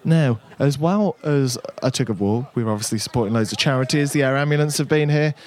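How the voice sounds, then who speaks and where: A man's voice: mid-range voice, brisk, a little mellow. A man presenting a live local radio broadcast from an outdoor village fair, chatty and upbeat.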